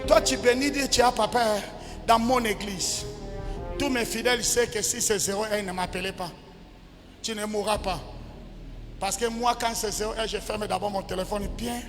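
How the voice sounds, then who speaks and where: A male pastor preaching a sermon, swinging between loud shouted cries and quiet asides. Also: sits high, steady tone, moderate pace. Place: large church hall. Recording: church hall reverb with music. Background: music.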